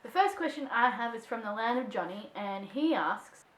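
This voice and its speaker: A young woman with an Australian accent talks casually to camera as a vlogger. Her voice sits slightly high, and she springs into playful voices when quoting people. The sound carries a noticeable room echo. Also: moderate pace. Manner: chatty and expressive, acts out quoted voices. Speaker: vlogger answering viewer questions. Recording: echoey room.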